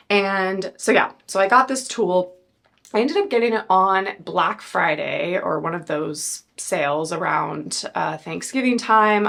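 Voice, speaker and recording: A woman's voice: on the low side, vocal fry, a bit bright. A woman in her thirties chatting casually through a beauty product review, rambling with fillers and self-corrections. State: a bit out of breath. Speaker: beauty vlogger.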